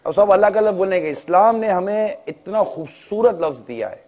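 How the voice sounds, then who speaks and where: A man's voice: high voice, lively intonation. A man gives a religious talk to a congregation in a mosque, often asking them rhetorical questions. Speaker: preacher. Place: mosque hall. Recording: dull, lo-fi recording.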